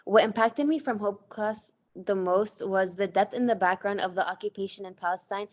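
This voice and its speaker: This young woman from the US has a medium-pitched voice and speaks at normal speed. As a student presenter, she reads her class project slides earnestly, with frequent fillers.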